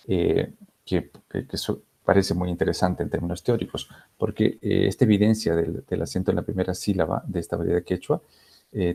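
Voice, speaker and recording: Low gravelly man giving an academic talk. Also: warm tone. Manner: hesitant, many fillers and restarts. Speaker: linguistics researcher presenting a conference paper.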